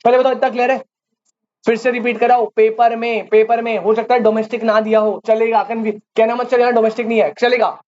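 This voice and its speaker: A man with a very high voice teaches commerce to a live class, speaking briskly in a flat, slightly mellow way. He keeps quizzing his students and echoing the key terms back to them. The audio is dull and lo-fi, with a faint hiss.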